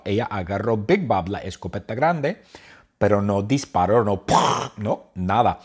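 A man telling a silly story in slow, simple, repetitive phrases, with sound effects and exclamations. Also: mid-range voice, slightly rough. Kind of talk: comic storytelling for learners.

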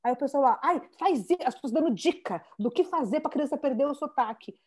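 A woman with a Brazilian Portuguese accent, a mother speaking as an interview guest. She tells stories in a lively way and acts out what other people said. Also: sits high, fast talker. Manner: animated storytelling, acts out quoted voices. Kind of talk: casual conversation.

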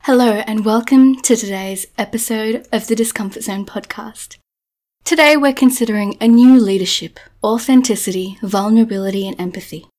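A woman reading a scripted, measured podcast introduction as host. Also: a little high, a little mellow.

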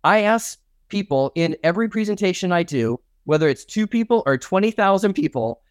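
A man's voice: expressive, brisk, no echo. Upbeat middle-aged man, dry close sound. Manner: enthusiastic, punchy, acts out his own pitches. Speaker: networking expert guest. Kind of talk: energetic interview talk.

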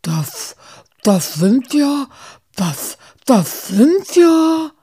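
A woman's voice: lowish voice, very animated, extremely slow, vocal fry, darkish tone, husky, exaggerated voice. A woman voicing a timid, easily frightened male gnome in a storybook reading, stammering and faltering. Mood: flustered.

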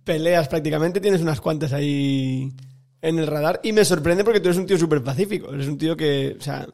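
Host with a higher voice. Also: male voice, a little fast, darkish tone. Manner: teasing, prompting questions. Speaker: podcast host. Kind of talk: interview chat.

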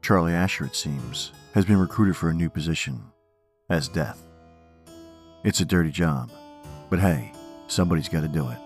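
Very deep, gravelly male horror host. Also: normal speed, faint music behind. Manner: theatrical, ominous horror-host delivery. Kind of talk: horror host narration, scripted, with verse readings.

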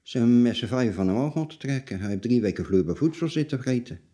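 A man of forty-seven, answering personal interview questions in a halting, blunt, plain-spoken way. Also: mid-range voice, lively intonation, warm tone. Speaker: interview guest telling his life story.

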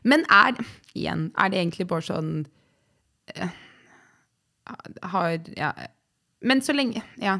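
A woman's voice: medium pitch, lively intonation, vocal fry, long pauses, pushed and bright. A young woman co-hosting a casual podcast, rambling through stories and cutting herself off with digressions. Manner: rambling, self-interrupting storyteller. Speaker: podcast co-host. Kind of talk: casual chat.

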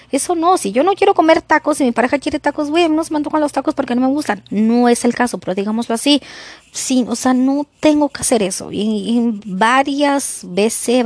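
Chatty, expressive Mexican woman with a dry sound. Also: medium pitch, no room sound. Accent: Mexican Spanish. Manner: expressive, chatty, slangy, easily sidetracked. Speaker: vlogger giving relationship advice. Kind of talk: unscripted casual monologue.

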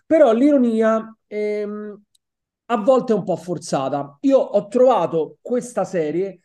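A man's voice: high voice, dark tone. A man with an Italian accent co-hosting a podcast, chatting casually about a TV series and often repeating words while he searches for the next one. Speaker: podcast co-host. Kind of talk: casual film and TV review chat.

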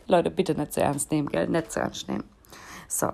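A woman's voice: low-pitched, vocal fry, dark tone, a little hiss or hum. A woman in her thirties hosting a podcast, delivering a blunt, crude, comedic rant in an exasperated tone. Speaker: podcast host.

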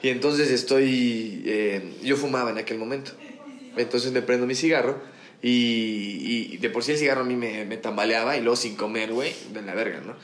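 A man's voice: mid-range voice, moderate pace. A young man with a Mexican accent, co-hosting a podcast and telling a story in a crude, slangy, rambling way. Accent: Mexican Spanish. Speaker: podcast co-host. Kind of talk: casual storytelling chat. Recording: echoey room with faint noise.

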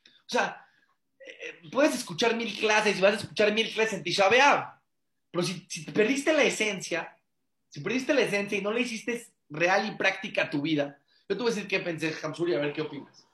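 A man's voice: sits high, expressive, moderate pace, fairly bright tone, echoey room. A man, a father and rabbi, teaching a religious class in an earnest, conversational way, repeating phrases for emphasis and asking many rhetorical questions. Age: adult father.

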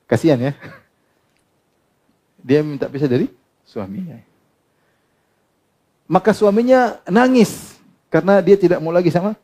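A mellow, fairly high-pitched middle-aged man gives an Islamic sermon, translating the Arabic texts he quotes. He frequently asks the audience questions only to answer them himself, and laughs often as he moves between points.

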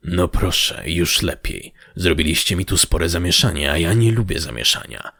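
Man voicing a cold, domineering gang boss in an audiobook, dark and low, slow threats, dry close sound. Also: big pitch swings, creaky, slightly rough, no room sound, heavily acted. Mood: menacing. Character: menacing commanding male gang leader.

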